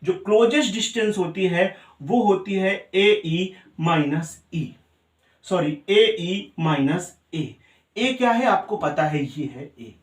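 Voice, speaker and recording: A man's voice: high voice, expressive, slow pace. A man teaching a physics lesson, repeating each point and quizzing his students. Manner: mixes Hindi with English terms. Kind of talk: classroom lecture. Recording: roomy sound, mic set far off.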